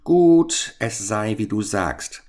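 A man reading a fairy-tale audiobook, voicing a hoarse, spiteful old witch who mutters, mocks and repeats her words in a sing-song. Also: fairly low pitch, animated, slow, a little mellow, voice pushed up. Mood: grim.

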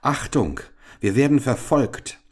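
A man's voice: medium pitch, animated, measured pace, close to an everyday voice. A man voicing a bold, cool-headed young adventurer who speaks curtly and cheekily. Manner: cheeky, curt and cold-blooded.

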